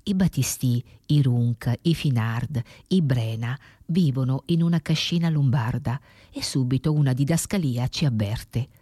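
A film commentator giving a measured, reflective scripted narration about a classic film. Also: mid-range voice, warm tone, slightly rough, no room sound, clean studio sound.

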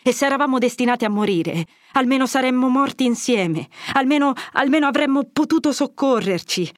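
A woman's voice: high-pitched, animated, a little fast, no echo, studio quality, voice pushed up. A woman reading an audiobook, voicing a young man who speaks in desperate, angry outbursts. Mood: desperate fury. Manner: impassioned, vengeful outbursts. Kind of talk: audiobook character voice.

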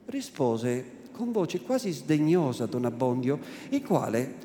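A man with an Italian accent giving a slow, measured theatrical reading of a novel at a live event in a hall. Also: medium pitch, sing-song, mellow, slight background noise. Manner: slow, measured, dramatic narration. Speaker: theatrical reader. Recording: echoey hall, faint ambience.

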